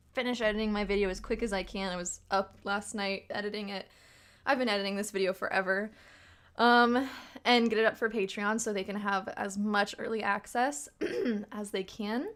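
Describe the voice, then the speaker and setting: A young woman hosting a casual livestream, chatting in a rambling way and laughing often, her voice a little tired and rough. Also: medium pitch. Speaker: livestream host and tarot reader.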